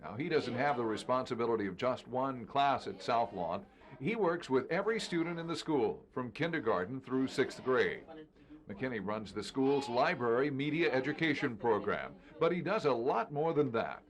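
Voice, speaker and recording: A man's voice: mid-range voice, expressive, normal speed. A man reading scripted narration for a television news feature.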